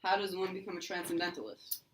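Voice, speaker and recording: A man's voice: sits high, fairly even intonation, fast, fairly bright tone, slight background noise, rough recording. A young man hosting a mock interview in an amateur school skit, asking questions with hesitant uhs.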